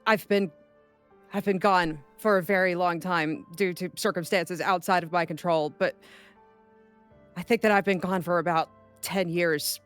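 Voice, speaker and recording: A player voicing a halting, troubled cleric woman. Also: mid-range voice, fairly even intonation, a bit bright, smooth, soft background music, lightly acted. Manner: halting, repeats words. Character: woman, a worried cleric returned from long absence.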